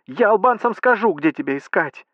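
A man voicing a furious wife screaming down the phone in a shrill voice. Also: expressive, moderate pace, dry recording, highs cut off. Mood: furious shrieking.

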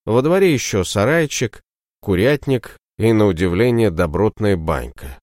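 A man narrates an audiobook in a steady storytelling manner. His voice is low and close, in a dry, dead-sounding room. His pitch moves a lot as he reads. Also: moderate pace, no echo.

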